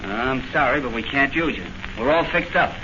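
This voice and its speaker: An actor playing a brisk, firm, businesslike and protective boxing trainer in an old-time radio drama. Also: male voice, mid-range voice, natural voice. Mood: firm, dismissive. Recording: noisy, muffled old radio recording.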